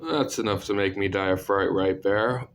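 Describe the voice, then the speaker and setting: A man with a congested, sick-sounding voice narrating scary stories, with deadpan, self-deprecating asides. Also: sits low, slight background noise. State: sick, clearing throat. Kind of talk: scripted story narration with casual asides.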